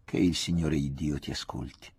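Casting: man voicing an aging father, fretful but kind, low husky dark tone, confiding storybook dad. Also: steady tone, normal speed, full character voice. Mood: grim. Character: aging father, anxious, gentle, talkative.

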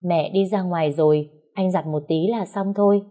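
A gentle, timid young husband who speaks softly and soothingly, read by a woman narrator in her own low voice. He is barely set apart from the narration. The effect is an audio storybook. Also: fairly even intonation, moderate pace, close to an everyday voice.

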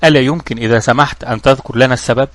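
A man's voice: mid-range voice, fairly even intonation, racing, fairly bright tone, no room sound, lightly acted. A man reading as a composed genteel mother. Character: composed middle-aged mother, genteel lady.

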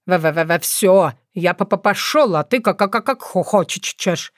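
A woman's voice: on the low side, lively intonation, slow, no room sound, studio quality. A woman voicing a stubborn young male fox who stutters heavily on nearly every word. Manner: heavy stutter, repeating syllables. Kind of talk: audiobook character voice.

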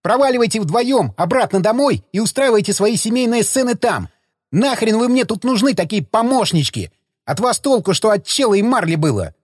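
A man doing a frantic shouting young man. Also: high-pitched, animated, fairly quick, dry recording, studio quality, voice pushed up. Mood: angry shouting. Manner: yelling, strained and wild.

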